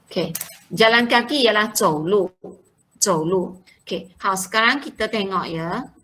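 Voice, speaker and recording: A Mandarin teacher runs a pronunciation drill in class, repeating each word slowly and clearly and occasionally switching into English. Her medium-pitched voice is bright and forceful, and the recording is rough.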